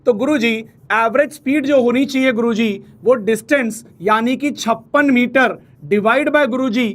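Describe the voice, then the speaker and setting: A man's voice: very high-pitched, fairly bright tone. A man teaching physics in an online exam-prep lecture, coaxing and familiar, repeating key phrases and speaking.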